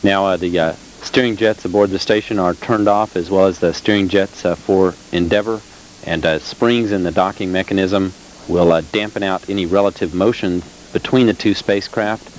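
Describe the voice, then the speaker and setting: Male mission commentator, low register, measured and hesitant live narration, faint hiss on the feed. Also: fairly even intonation, rough recording. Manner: measured, halting, with very frequent uhs.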